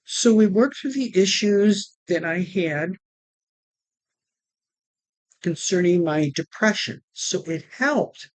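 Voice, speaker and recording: A woman vlogger telling her personal story to camera, halting, with restarts, and retelling conversations line by line. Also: on the low side, expressive, no room sound. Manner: retells conversations with "she goes" and "I'm like".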